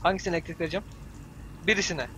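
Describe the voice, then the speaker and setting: A young man giving casual let's-play commentary, excitable, talking to himself and swearing at the game. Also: sits high, rapid-fire, very noisy. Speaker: gameplay commentator. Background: game music.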